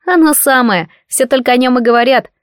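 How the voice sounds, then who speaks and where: Squeaky loyal spirit boy, very high and excited; woman reader doing the voice, audiobook. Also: a little fast, no room sound, studio quality, lightly acted. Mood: earnest. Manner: bright, eager. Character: squeaky little male air spirit, cheerful and loyal. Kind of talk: audiobook character voice.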